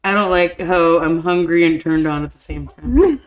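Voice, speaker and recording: A woman's voice: fairly low pitch, expressive, normal speed, faint music behind. A young adult woman hosting a live stream in casual chat, laughing often, swearing freely and telling stories with animation. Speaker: stream host.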